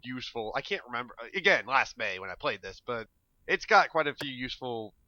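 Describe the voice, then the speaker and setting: A man's voice: medium pitch, very animated, fairly quick, sharp tone, lo-fi sound, slight background noise. A man giving casual commentary over his game playthrough, laid-back, laughing often and swearing now and then. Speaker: let's play commentator.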